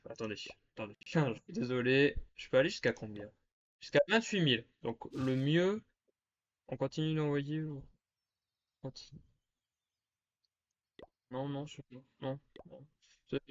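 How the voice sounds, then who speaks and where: A man's voice: a little high, a bit bright. A man giving casual, self-mocking commentary over his gameplay and chatting with his viewers. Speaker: gaming YouTuber. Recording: dull lo-fi sound with faint background noise.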